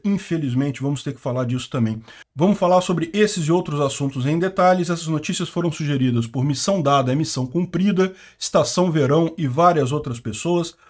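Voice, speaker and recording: A man hosts a news commentary on the war. His voice sits a little higher than most men's. He talks informally and bluntly, with strong opinions and frequent conversational tags. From Brazil. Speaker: host of a war news channel. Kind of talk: news commentary over a map.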